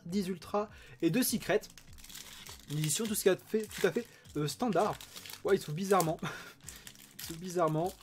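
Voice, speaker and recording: A man's voice: high-pitched, a little mellow. A man chatting enthusiastically as he opens trading card packs, reading card names aloud. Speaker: card-opening YouTuber. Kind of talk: casual unboxing commentary.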